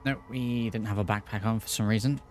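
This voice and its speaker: A man's voice: lowish voice, fairly even intonation, brisk. A man giving casual, off-the-cuff commentary while he plays a video game. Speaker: gaming video host. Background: faint game music.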